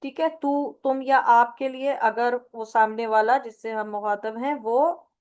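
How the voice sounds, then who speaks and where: Slow-speaking woman teaching Arabic grammar. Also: on the high side, fairly even intonation, a little mellow. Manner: explains slowly with repeated examples; mixes English terms into Urdu. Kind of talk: online Arabic grammar lecture.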